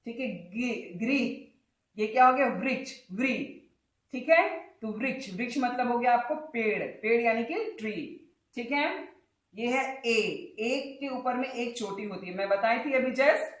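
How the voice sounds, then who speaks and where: A woman teaching children, sounding out words slowly and syllable by syllable. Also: on the high side, roomy sound, low-quality recording. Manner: drawn-out, syllable-by-syllable word demonstrations. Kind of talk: Hindi lesson for children.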